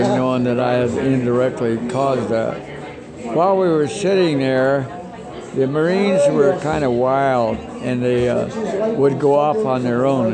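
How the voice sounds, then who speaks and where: Nonagenarian male veteran, plain-spoken and halting, mid-range voice; low-quality stream with heavy crowd noise behind. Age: 90s. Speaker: war veteran interviewee. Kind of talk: oral history recollection. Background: crowd chatter.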